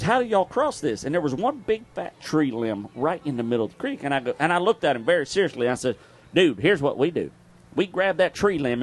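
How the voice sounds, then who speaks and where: Man, outdoors radio host, animated storyteller, laughs a lot, sound effects, lively pitch. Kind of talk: live storytelling to an audience. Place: live event at a bar.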